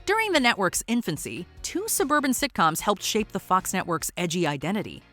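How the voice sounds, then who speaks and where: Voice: medium pitch, huge pitch swings, fairly quick, bright, forceful tone, faint music behind. A narrator reading a scripted countdown voice-over with wry commentary.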